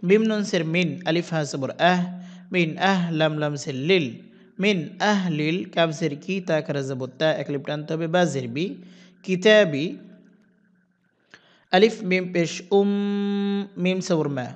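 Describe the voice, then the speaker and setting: A man teaching Quran recitation, spelling out letters and vowel marks one by one and then chanting the verses slowly. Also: on the high side. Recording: dull lo-fi sound.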